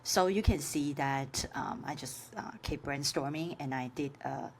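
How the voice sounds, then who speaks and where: Leading a relaxed screen-share lesson, a low-pitched woman instructor with a Chinese accent, a native Chinese speaker, hesitates often and fills gaps with filler sounds.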